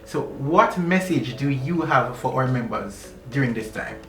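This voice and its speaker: A man's voice: mid-range voice, lively intonation, unhurried, a bit bright. Upbeat male interviewer, distant and echoey. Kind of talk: friendly interview questions. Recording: echoey room, distant mic, faint music.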